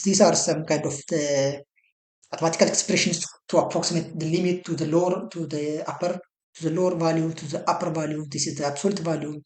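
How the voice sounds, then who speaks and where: A software tutorial presenter walking through a program step by step, often hunting for words and correcting themselves mid-phrase. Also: mid-range voice, roomy sound. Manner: halting, searches for words, repeats "some kind of". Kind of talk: screen-recorded software walkthrough.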